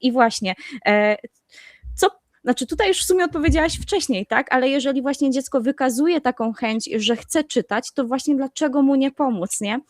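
Woman host asking casual questions, kinda high voice, dry sound. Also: animated, normal speed, dry recording. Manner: casual questions with tag words and fillers. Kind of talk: conversational interview.

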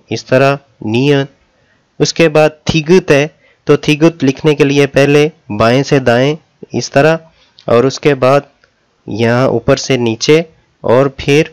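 Patient explanations and slow, stretched-out pronunciation drills mark this Korean lesson, taught by a native Urdu-speaking man. His mid-range voice is clear and resonant.

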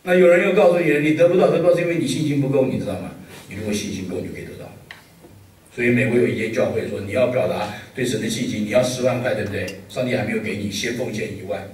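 A male pastor preaching a sermon with humor and a steady stream of rhetorical questions. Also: on the low side, very fast, slight background noise. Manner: lively, joking, full of rhetorical questions. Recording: echoey hall, voice from a distance.

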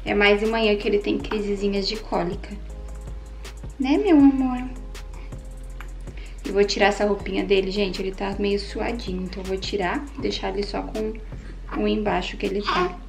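A woman's voice: medium pitch, little pitch movement, a little fast, gravelly. A young mother, chatting casually at home and doting on her baby. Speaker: mother and vlogger. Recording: background music.

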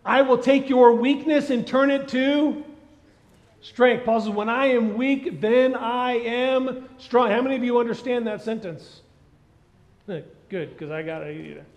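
A middle-aged man preaching a sermon on a church stage, animated and asking the congregation questions. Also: extremely high pitch, a little slow. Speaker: pastor. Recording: dull sound with long hall reverb.

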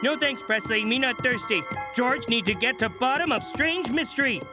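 A man voicing a friendly, dim-witted muscular young jungle man in a cartoon, speaking childlike broken sentences with naive excitement. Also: extremely high pitch, moderate pace. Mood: puzzled, earnest. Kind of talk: animated cartoon acting. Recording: loud cartoon music behind.

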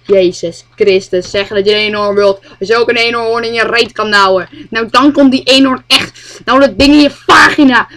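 A woman's voice: on the high side, normal speed, fairly bright tone, lightly acted. A woman voicing a short-tempered mother who scolds and swears crudely at her child. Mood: scolding.

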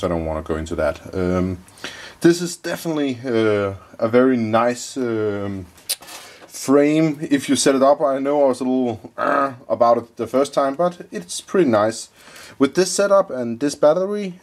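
A man giving a casual review of his hobby build, relaxed and full of fillers, talking at an indoor workbench. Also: on the low side. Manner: relaxed, many fillers and pauses.

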